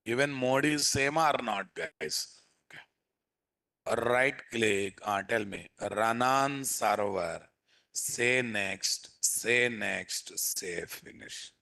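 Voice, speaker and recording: A man's voice: lowish voice, extremely slow, creaky, sharp tone. A man with a Telugu accent teaching a live programming lesson as an instructor, repeating phrases and often checking with his listeners through questions. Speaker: software instructor.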